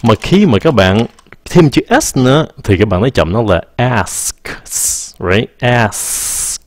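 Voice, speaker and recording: A man teaching English pronunciation casually, answering viewer questions, stretching words out slowly and laughing at his own slips. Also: lowish voice, sing-song, no echo, studio quality. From Vietnam. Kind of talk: casual live-stream English lesson.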